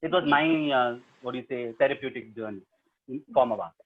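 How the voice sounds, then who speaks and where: A man's voice: medium pitch, brisk. A man with a South Indian English accent answering questions as a storyteller, plain-spoken and given to short emphatic statements. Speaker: storyteller and stage performer. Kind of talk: webinar question-and-answer talk. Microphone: video call. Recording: narrow, phone-like online call audio.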